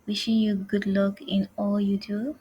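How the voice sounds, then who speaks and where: A woman teaching an online language lesson, speaking slowly and carefully and saying each phrase twice. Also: medium pitch, level tone, husky, lo-fi sound.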